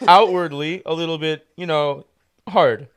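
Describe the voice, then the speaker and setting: A man's voice: a little high, steady tone, measured pace, smooth. A man who is a guest on a casual podcast chat, explaining things in a wry way. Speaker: guest, missions director.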